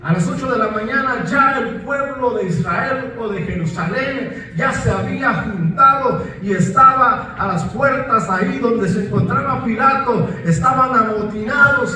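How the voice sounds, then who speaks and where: A male pastor preaching a fervent sermon, breaking into shouts and calls of praise, recorded in a church from a distance. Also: extremely high pitch. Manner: fervent, bursts into shouts, interjects "aleluya". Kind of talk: Pentecostal-style sermon. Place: church sanctuary. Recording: echoey hall, distant mic, faint noise.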